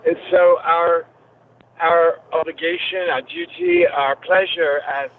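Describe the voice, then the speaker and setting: A woman calling in from a moving car over a clipped phone line, talking earnestly and haltingly, with many restarts. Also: fairly low pitch, very animated. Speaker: caller. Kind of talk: call-in chat. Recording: tinny phone line with road noise.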